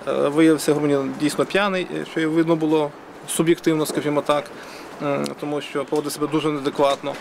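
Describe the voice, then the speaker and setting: A man, a police officer, giving a measured formal statement with many hesitations. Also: on the high side, flat delivery, creaky. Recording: outdoor street noise, traffic.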